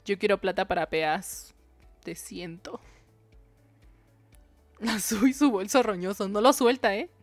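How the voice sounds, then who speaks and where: A woman's voice: mid-range voice, slow pace, pauses often, no echo, faint music behind. A young woman, streaming a dating game, reading its dialogue aloud and joking with her chat. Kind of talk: live game commentary.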